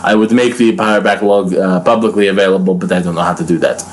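A man talking as a guest on a casual podcast, rambling and swearing a lot, with bursts of rapid talk. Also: sits low, fairly even intonation, low-quality recording. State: hungry. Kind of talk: casual chat.

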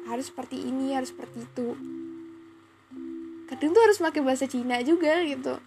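A chatty woman talks casually, as if sharing advice with her viewers. Her voice sits high, and she keeps dropping little tag fillers as she goes. Clear music plays underneath. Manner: chatty, peppers talk with "gitu loh".

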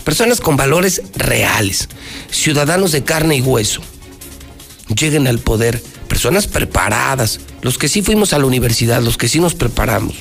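A man's voice: mid-range voice, animated, normal speed, gravelly, fairly bright tone. A Mexican man hosting a live phone-in opinion show, speaking in an emphatic, repetitive, colloquial way with sarcastic rhetoric. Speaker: radio and TV talk show host. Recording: music bed behind the voice. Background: background music.

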